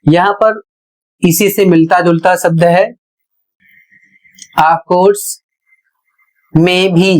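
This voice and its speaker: Slow, deliberate pronunciation teacher. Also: medium pitch, low-quality recording. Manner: spells words letter by letter, deliberate and explanatory. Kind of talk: pronunciation lesson.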